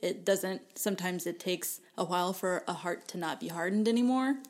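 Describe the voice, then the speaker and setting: A woman's voice: on the low side, normal speed. A woman co-hosting a podcast, giving earnest, encouraging advice in a casual chat. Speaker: podcast co-host. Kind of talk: casual faith-based self-help chat.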